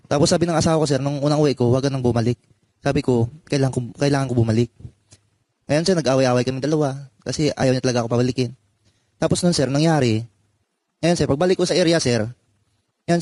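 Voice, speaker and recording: Male ex-marine, mid pitch, halting testimony, dry room. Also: a little mellow, no room sound. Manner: halting, says "sir" often. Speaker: former marine. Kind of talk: personal account in an interview.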